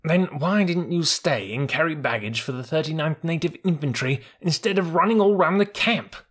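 A man voicing a gruff, bossy old male army mule in a storybook, scolding in a brisk way. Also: on the high side, lively intonation, a bit bright, voice pushed up.

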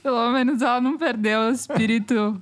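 A woman with a Brazilian Portuguese accent co-hosting a political podcast, reading listener letters and adding quick, dry asides. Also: fairly high pitch, background noise. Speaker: podcast co-host.

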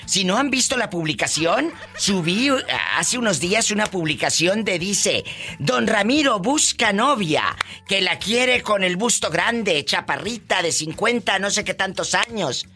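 A man hosting a radio call-in show, teasing callers with flamboyant, quick jokes. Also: high voice, expressive, pushed and bright. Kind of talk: playful radio call-in banter.

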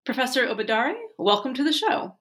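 A woman hosting a podcast interview, asking polite, measured questions. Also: sits high, a bit bright. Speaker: podcast host.

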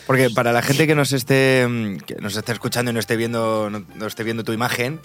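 A man's voice: mid-range voice, fairly even intonation, fast, a bit bright, faint music behind. A man co-hosting a podcast, curious and reactive, swearing in surprise and restarting his questions. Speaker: podcast co-host. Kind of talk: casual interview chat.

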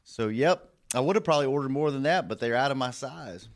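Male host chatting casually, mid pitch. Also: fairly quick. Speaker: show host. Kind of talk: casual chat.

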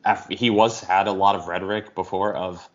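A man co-hosting a casual football podcast, explaining at length in a measured way with frequent ums. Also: low-pitched, steady tone. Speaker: podcast co-host. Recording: dull lo-fi audio.

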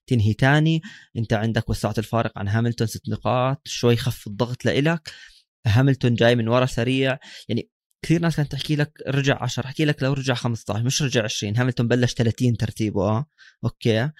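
A man's voice: mid-range voice, very fast, darkish tone, no room sound, clean studio sound. A man with a Levantine Arabic accent giving casual sports commentary as a co-host in a discussion. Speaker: motorsport podcast co-host.

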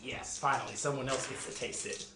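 A man's voice: mid-range voice, fairly even intonation, brisk, background noise. A man playing a tabletop game, teasing the others with casual swearing. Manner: profane, teasing. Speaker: player. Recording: echoey room, far mic.

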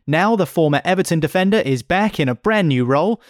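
A man's voice: fairly high pitch, expressive, brisk, no echo. A man hosting a scripted club podcast, speaking in a polished way close to a podcast microphone. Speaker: podcast host.

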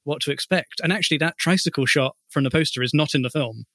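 Man, slightly high pitch, dry close sound, thoughtful, hesitant, casual film podcast discussion. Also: quick pace, sharp tone, no room sound.

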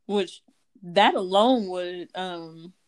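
Woman co-host, lowish voice, casual chat, relaxed, asks questions. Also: extremely slow. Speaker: co-host of a soap opera recap show.

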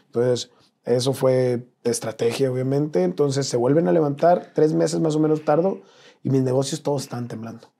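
A man from Mexico, an interview guest telling an emotional personal story in an earnest, slangy way, dropping to a hush at painful moments. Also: medium pitch, moderate pace, creaky.

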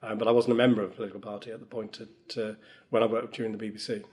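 A man's voice: on the low side, level tone, racing, darkish tone. A middle-aged man from Wales, a former politician answering interview questions thoughtfully, with frequent fillers. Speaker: guest, professor and former politician.

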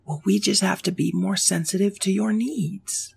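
Brief: storyteller doing a spirited storybook heroine, bright and pushy, a touch husky. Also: medium pitch, steady tone, normal speed, pitched above the performer's own voice. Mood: eager. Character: spirited young adventurer girl.

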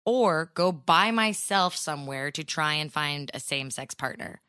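A woman's voice: low voice, expressive, bright, forceful tone, clear, resonant tone, no echo, clean studio sound. A woman hosting a podcast in casual chat, talking with many restarts and fillers. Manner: rapid, full of restarts and fillers. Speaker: podcast host. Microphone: podcast microphone.

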